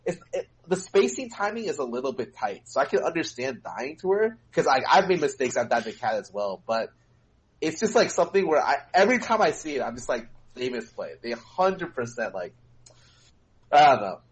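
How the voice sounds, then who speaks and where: A man's voice: fairly high pitch, very animated, fairly quick, poor audio. A man co-hosting a casual gaming podcast, explaining game mechanics at length with many filler words. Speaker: co-host and streamer.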